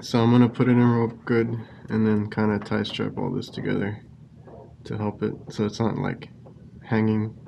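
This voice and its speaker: Wearing an action camera on his head, a refrigeration tech talks casually through each step of repairing a walk-in cooler in a relaxed, plain-spoken way. His voice is lowish and creaky at a moderate pace, against a noisy background.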